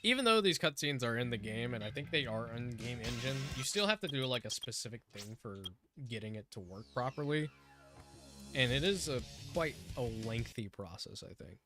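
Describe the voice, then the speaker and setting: A man live-streaming a game, chatting excitedly and laughing often, his voice going hoarse. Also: mid-range voice, moderate pace. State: hoarse from talking. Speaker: gaming livestreamer. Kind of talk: casual live-stream chat. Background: game music.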